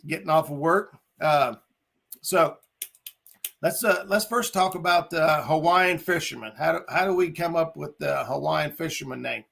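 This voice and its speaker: Man, podcast host, gravelly voice, slightly high, casual friendly chat. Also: normal speed. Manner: friendly, filler-heavy, shouts out viewers.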